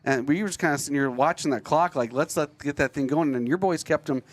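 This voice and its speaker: Chatty sports broadcaster. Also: male voice, on the high side, fast. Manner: chatty, stat-driven. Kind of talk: postgame analysis.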